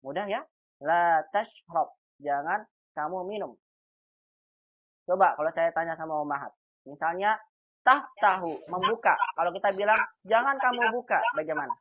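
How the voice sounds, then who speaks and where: A man's voice: sits high, moderate pace. A male teacher giving an online Arabic grammar lesson. He is patient and drills each phrase with a rising, emphatic tone. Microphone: video call. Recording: tinny phone-like call audio.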